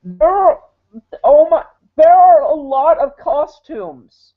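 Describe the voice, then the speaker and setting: A woman's voice: high voice, lively intonation, slow. Blunt woman reacting over tinny audio. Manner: blunt, interrupts the clip with retorts. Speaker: video reactor. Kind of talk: casual commentary reacting to a video.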